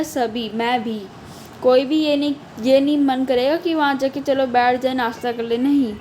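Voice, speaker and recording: A woman's voice: high voice, a little mellow, a little hiss or hum, poor audio. A young woman teacher, explaining a poem line by line, reading each line aloud and repeating the meanings.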